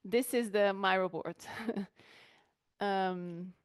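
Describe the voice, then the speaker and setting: Relaxed woman hosting a video call. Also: medium pitch, drawn-out words, clear, resonant tone, no room sound, studio quality. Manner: warm, relaxed, with frequent laughs and fillers. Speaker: online event host. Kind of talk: friendly facilitation on a video call.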